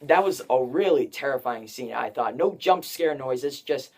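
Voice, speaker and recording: A man's voice: mid-range voice, animated, normal speed. A young man hosting a casual spoiler discussion of a film, rambling with many fillers. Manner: rambling, filler-heavy, says 'like' often. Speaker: film review host.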